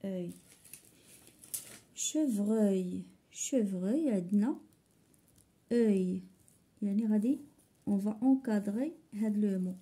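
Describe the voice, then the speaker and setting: A woman with a Moroccan accent walks young pupils through a French phonics lesson, explaining in Moroccan Arabic. She talks very slowly and says each word twice. Her voice is very dark and mellow with a husky edge. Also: mid-range voice. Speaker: primary school teacher.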